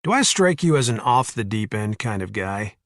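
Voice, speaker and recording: A man's voice: fairly low pitch, sing-song, normal speed, no room sound. A man voicing a tough ex-soldier in an audiobook, blunt and teasing in a dry way. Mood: wry teasing. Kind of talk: audiobook character voice.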